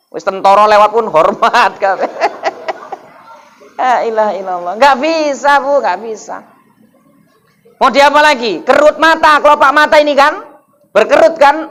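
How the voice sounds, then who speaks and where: A man's voice: very high-pitched, pushed and bright, a little hiss or hum. A man, preaching a humorous sermon in a mosque and often calling out to the crowd for replies. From North Sumatra, Indonesia. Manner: jokey, keeps asking the crowd for replies.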